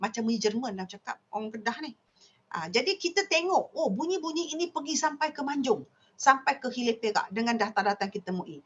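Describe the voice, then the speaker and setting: A woman's voice: a little high, animated, fairly bright tone, breathy edge. Lo-fi older Malaysian woman lecturing. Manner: explanatory, many drawn-out "ah" fillers, imitates speech sounds. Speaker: linguistics lecturer. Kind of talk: academic seminar lecture. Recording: dull lo-fi recording.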